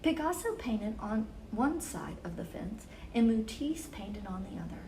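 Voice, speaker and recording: A woman leads a children's story time, reading picture books expressively with slow, deliberate phrasing for young listeners. Her fairly high voice is sing-song, gravelly and mellow, with slight background noise.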